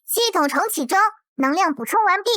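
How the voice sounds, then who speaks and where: A woman voicing a high-pitched system AI that announces its reboot and reconnection to its host like a machine starting up. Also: animated, brisk, a bit bright, no echo, clean studio sound. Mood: booting up. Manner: announces status like a machine booting up. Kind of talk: web drama voice acting.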